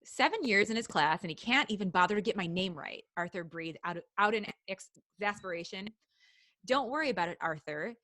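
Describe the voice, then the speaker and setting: On a live podcast, a woman co-host reads a fan story aloud, stopping for laughing asides and chatter with her co-hosts. Her medium-pitched voice is bright, animated, and slightly tense, recorded dry and close with no echo or room sound.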